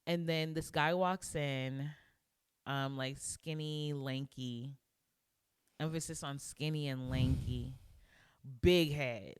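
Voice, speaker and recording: A young adult woman co-hosting a podcast, telling a story in a casual, animated way and acting out what people said. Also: deep voice, takes it slowly, clean tone. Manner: animated storyteller who acts out quotes. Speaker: podcast co-host. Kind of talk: casual chat.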